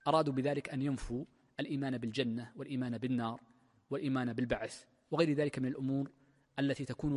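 A man, a sheikh, giving a classical lecture on a text of legal theory, explaining step by step with drawn-out fillers. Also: mid-range voice, a little mellow, breathy edge. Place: large mosque hall. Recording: long mosque-hall reverb.

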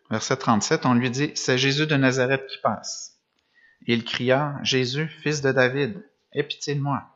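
A man with a mid-range, fairly bright voice preaches a sermon, reading gospel passages and then commenting on them with rhetorical questions and occasional restarts. He stands in a church or meeting room with a screen behind him. The recording sounds dull and lo-fi.

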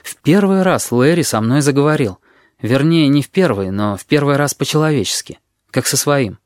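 A man reading an audiobook in the first person, telling the story in a measured, even way. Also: mid-range voice, no echo, studio quality. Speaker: audiobook narrator.

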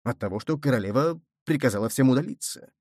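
A man voicing a quick-witted young male musketeer who answers briskly and in haste. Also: mid-range voice, expressive, darkish tone, no echo, studio quality, close to an everyday voice.

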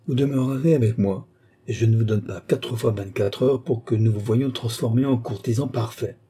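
Mocking young court woman, read by a man, commanding and condescending, audiobook, dark timbre, husky. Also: medium pitch, moderate pace, lightly acted. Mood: teasing. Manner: teasing, condescending. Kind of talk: audiobook character reading.

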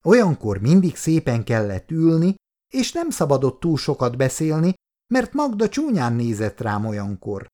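A man voicing an eager, chatty little girl in an audiobook reading, with a high childlike voice. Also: huge pitch swings, warm tone.

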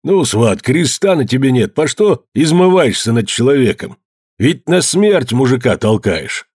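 A man voicing a proud, blunt older beekeeper who shouts back defiantly in a husky, raised voice. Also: mid-range voice, sing-song, a little slow.

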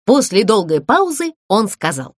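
Lively woman reading a children's story. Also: mid-range voice, a little slow, dry recording, studio quality. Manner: expressive, lively narration.

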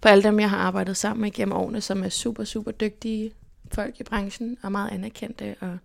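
A young woman from Denmark, telling stories from her life as an interview guest in a lively way and acting out what people said. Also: medium pitch, creaky. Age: young adult. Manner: lively, animated retelling with quoted inner speech. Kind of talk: casual personal storytelling.

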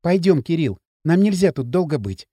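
A man voicing a calm, clever young girl who reasons patiently. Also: on the high side, moderate pace, no echo, studio quality.

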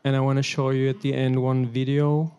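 A man giving a sermon in short phrases, pausing so an interpreter can translate, telling stories with a laugh. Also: medium pitch, completely flat delivery, mellow, clean tone. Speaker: guest preacher. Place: church hall.

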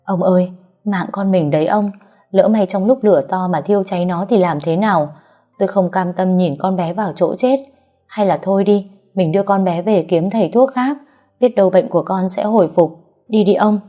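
A woman's voice: mid-range voice, moderate pace, muffled recording, faint music behind, natural voice. A woman voicing a frightened middle-aged mother who pleads tearfully for her daughter. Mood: pleading. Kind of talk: audiobook character reading.

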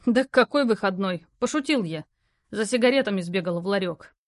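A woman voicing a gruff, burly male courier who talks curtly and in rough slang. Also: medium pitch, animated, brisk, no room sound, studio quality, lightly acted. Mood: gruffly kind.

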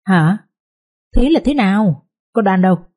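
A woman voicing a stern, furious older village father who barks harsh scolding at his family, in a husky voice. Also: medium pitch, animated, unhurried, dark tone. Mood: raging.

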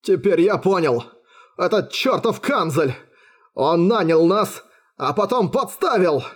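A man voicing a panicked male thug prisoner who begs for his life, in a high, frantic voice, for an audiobook. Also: expressive, unhurried, slightly rough, exaggerated voice. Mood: shocked angry. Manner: frantic, gabbling pleas.

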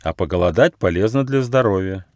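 A man's voice: low-pitched, animated, a little fast, a little mellow, no room sound, studio quality. A man voicing a kind little male gnome who leads his friends in a fairy tale, speaking firmly and reassuringly.

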